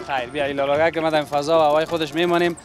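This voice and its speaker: A man's voice: on the high side, level tone, music in the background. A man with an Afghan Dari accent working as a street reporter, asking friendly, coaxing questions outdoors on a city street. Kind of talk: street interview.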